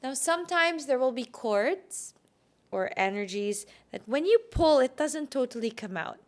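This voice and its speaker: Slow, smooth-voiced woman guiding a visualization. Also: sits high, lively intonation. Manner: gentle, instructive, repeats phrases with rising emphasis. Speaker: podcast host. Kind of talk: guided visualization.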